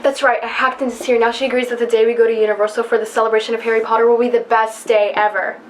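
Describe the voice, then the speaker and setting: A woman's voice: a little high, little pitch movement, racing, slight background noise, natural voice. A young woman playing an upbeat teenage girl who boasts about hacking computers, in a student film. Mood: boastful. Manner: chirpy, boastful.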